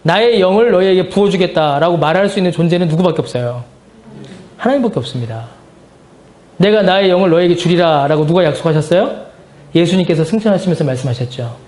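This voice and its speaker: A man's voice: sits high, lively intonation, quick pace, a little mellow. A male pastor teaching a Bible study. He asks the class questions, answers them himself, and repeats key phrases for emphasis. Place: church meeting room. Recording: echoey church room.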